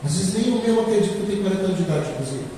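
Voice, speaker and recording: Pastor, man in his 40s, emphatic sermon delivery, high voice with long echo. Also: expressive, very fast, background noise. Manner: emphatic preaching, swings from quiet to loud. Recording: echoey hall from far off.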